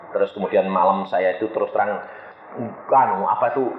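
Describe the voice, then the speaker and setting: A man preaching, telling a testimony dramatically and swinging between hushed and loud. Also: on the low side, brisk, a crowd in the background. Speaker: evangelist preacher. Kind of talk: sermon testimony. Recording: roomy, slightly dull church recording.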